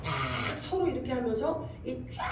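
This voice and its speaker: A woman pastor preaching a sermon, telling a dream story with lively sound effects and rising into loud exhortation. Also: high-pitched, moderate pace, distant mic. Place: church sanctuary. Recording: echoey church hall, voice from off-mic, faint room noise.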